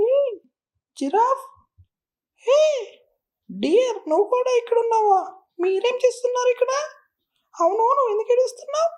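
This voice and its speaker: A woman voicing an excitable young squirrel who keeps calling out and begging for help in a cartoon. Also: extremely high pitch, moderate pace, long pauses. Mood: eager. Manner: urgent, repeatedly calling out and begging. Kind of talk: cartoon voice acting.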